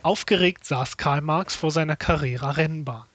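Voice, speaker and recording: A man narrating an absurd comic tale in a mock-serious, storybook way. His voice sits somewhat high with a husky edge. It is recorded close and dry. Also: moderate pace, a bit bright, no echo.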